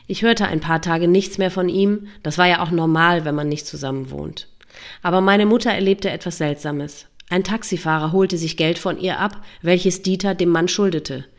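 A woman in her fifties reads her own life story aloud. Her voice sits a little low, and she keeps it quiet, subdued and measured throughout. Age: 50s. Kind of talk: reading a personal memoir aloud.

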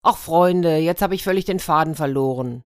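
A woman's voice: deep voice, a little slow, no echo, clean studio sound. Fields: woman voicing a flustered fussy anteater. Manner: flustered, muttering counting. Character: fussy muddled male anteater.

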